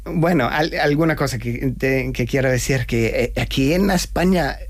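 A man from Australia chats as an interview guest, with a voice of middling pitch. He pauses often and fills gaps as he searches for words, restarting his sentences. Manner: hesitant, many fillers and restarts. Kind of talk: casual interview chat.

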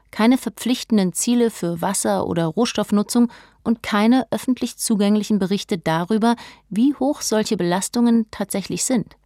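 A woman narrating a documentary script in a measured, informative tone. Her voice sits in the middle range and is recorded close and dry, with no room sound. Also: medium pitch, a little mellow, no room sound.

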